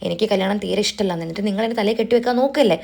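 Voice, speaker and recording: A woman's voice: medium pitch, very fast, creaky, a little mellow. A woman voicing a stubborn young woman defying her mother, in a retold TV serial. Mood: defiant. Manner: defiant, insistent. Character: defiant young woman, stubborn, refusing arranged marriage.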